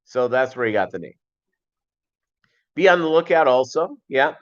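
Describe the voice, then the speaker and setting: The host of a fishkeeping channel chats casually with viewers on a livestream, reading their comments and answering in a rambling way. His voice is medium-pitched with lively intonation at a normal speed, and the audio is dull.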